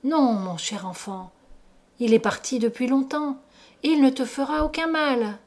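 A woman's voice: high voice, a little slow, pitched above the performer's own voice. A woman voicing an anxious, tender mother who soothes her child in a storybook reading. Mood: soothing. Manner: soft, pleading and soothing.

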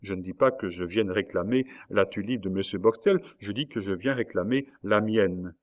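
A man's voice: on the low side, normal speed, lightly acted. A man reading aloud voices an earnest, bold young woman who grows tulips, talking in an insistent, pleading way.

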